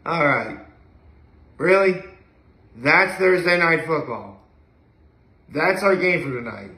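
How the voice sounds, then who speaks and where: An animated young adult from upstate New York, a daily vlogger, talks slowly and casually to the camera in a bright, fairly high-pitched voice. He wanders and hesitates, letting ideas trail off. The echoey recording was made indoors in his living room with a phone camera a few feet away.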